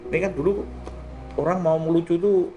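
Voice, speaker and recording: This art talk show host talks quickly in a fairly high, fairly even voice, his Indonesian marked by a Javanese accent. He rambles in a chatty, colloquial style, frequently tacking small questions onto his remarks. The sound is lo-fi, with faint music behind.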